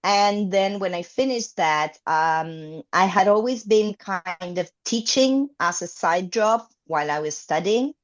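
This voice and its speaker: An Argentine English teacher in her fifties, a native Spanish speaker, discusses her teaching career as a guest in a conversational interview, hesitating with many fillers and restarts. Her mid-range voice is expressive and a little slow with few pauses, and the highs are cut off.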